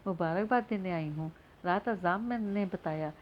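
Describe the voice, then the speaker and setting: An older aunt in a read-aloud novel, full of fond blessings, voiced by a woman. The voice is plain and slightly low. The recording is a little dull with faint hiss. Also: a little slow, lightly acted.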